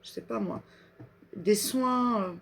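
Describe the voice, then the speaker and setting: A woman doing a live card reading, slowly reading self-love affirmations aloud and chatting with her viewers between them. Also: mid-range voice, creaky, fairly bright tone. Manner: slow, drawn-out reading of affirmations, chatty asides. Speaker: energy reader and card reader.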